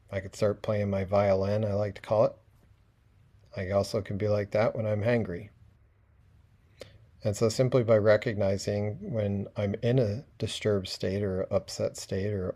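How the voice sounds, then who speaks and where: Mellow-voiced man presenting casually. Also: lowish voice. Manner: relaxed and conversational, with fillers. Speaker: webinar presenter. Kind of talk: casual educational talk.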